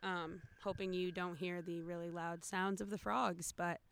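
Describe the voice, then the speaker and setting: A young woman co-hosting a casual podcast outdoors by a backyard pool, her voice a little raspy from allergies. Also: on the low side, flat delivery, unhurried, a bit bright, no room sound. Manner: chatty, lots of fillers. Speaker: podcast co-host. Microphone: new podcast microphones.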